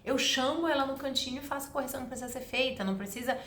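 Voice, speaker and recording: A woman's voice: high-pitched, racing, fairly bright tone, a little hiss or hum. A woman, giving parenting advice in an earnest, emphatic monologue that explains things step by step. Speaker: parenting educator. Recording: roomy echo.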